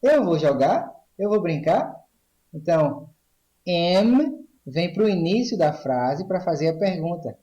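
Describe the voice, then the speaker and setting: A man's voice: sits high, very animated, warm tone, reverberant, dull audio. A man with a Brazilian Portuguese accent teaching an online English grammar lesson, explaining step by step and often checking in with the class. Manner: explains slowly, checks in with "ok?" and "tá certo?".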